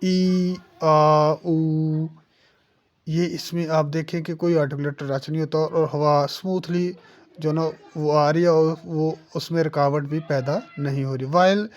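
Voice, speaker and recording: A woman's voice: sits low, steady tone, normal speed, darkish tone, highs cut off. A woman teaching English phonetics. She patiently sounds out example words one by one and addresses the learner as dear student. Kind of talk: phonetics lesson.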